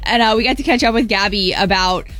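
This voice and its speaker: A woman's voice: mid-range voice, fast, a bit bright, faint music behind. An American woman co-hosting a radio morning show, chatting and reading promos. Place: radio studio.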